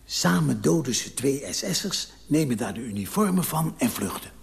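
An actor in a radio drama playing a hesitant, scheming man who speaks haltingly. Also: medium pitch, big pitch swings, gravelly.

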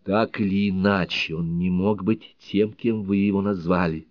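A man reading an audiobook, voicing a timid, quiet spinster woman who speaks in a hushed, earnest way, on a dull lo-fi recording. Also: low voice, steady tone, unhurried, no echo. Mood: confessing.

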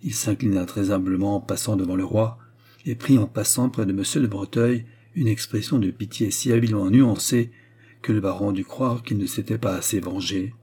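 A male narrator reads a classic novel with measured, expressive pacing. His low voice is mellow and dark, with a husky edge. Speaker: audiobook narrator. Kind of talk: literary audiobook narration.

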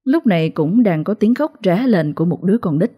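Woman narrating a ghost story, dark husky tone. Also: on the low side, expressive, brisk.

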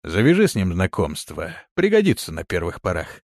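A man voicing a carefree, mocking demon who taunts and bosses his companion gruffly. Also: deep voice, huge pitch swings, moderate pace, darkish tone, dry recording, clean studio sound, exaggerated voice. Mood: taunting.

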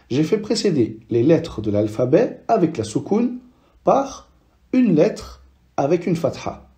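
Homme patient à voix douce et lente. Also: male voice, fairly high pitch, dark tone. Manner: patient, repeats each sound for learners to echo. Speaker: Arabic reading teacher. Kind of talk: slow step-by-step language lesson.

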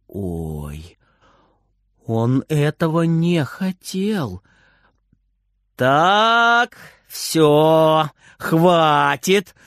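A man reading a children's story aloud in an expressive, animated way. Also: mid-range voice, no echo, studio quality.

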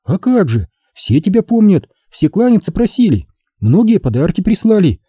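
A man's voice: high-pitched, sing-song, moderate pace, mellow, slightly rough, dry recording, studio quality, voice pushed up, heavily acted. A man reading an audiobook, voicing a tearful, eager young woman who speaks in breathless, emotional exclamations.

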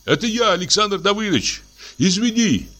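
A man's voice: medium pitch, sing-song, normal speed, breathy edge, pitched above the performer's own voice. A man reading an audiobook voices a nervous young man pleading with a friend in a trembling voice. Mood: pleading, desperate.

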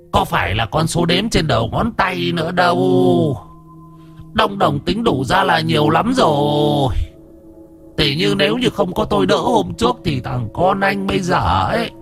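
A shrill, sharp-tongued ancestral spirit woman , as a male narrator puts her on, scolding in a high, piercing voice. She is bossy and tart in this spoken horror story.

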